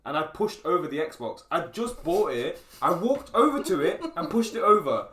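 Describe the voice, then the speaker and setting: A young man co-hosting a podcast, telling gaming stories in casual chat, lively, laughing and swearing freely. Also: on the high side, moderate pace. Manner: animated, laughing storyteller who swears freely. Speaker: podcast co-host. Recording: roomy echo.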